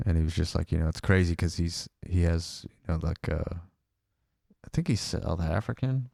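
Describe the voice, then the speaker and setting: A man's voice: sits low, animated, normal speed, creaky, mellow, no echo, clean studio sound. A young man co-hosting a podcast in casual chat, hesitant with lots of fillers and restarts. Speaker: podcast co-host.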